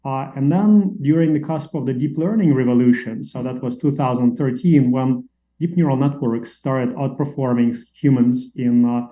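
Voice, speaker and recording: A man from Latvia, a company CEO, answering interview questions at length with many fillers and pauses. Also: mid-range voice, dark tone, low-quality recording. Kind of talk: interview conversation.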